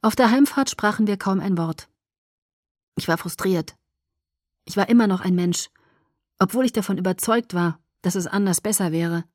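A woman reading a first-person novel in calm, even scripted narration. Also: medium pitch, normal speed, long pauses, no echo, clean studio sound. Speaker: audiobook narrator.

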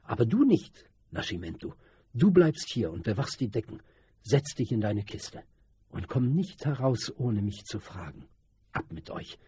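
An urgent, commanding boy who leads a street gang, read by a man. The voice is husky and dark. It is recorded close and dry. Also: on the low side, sing-song, a little slow, dry recording, full character voice. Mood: furious.

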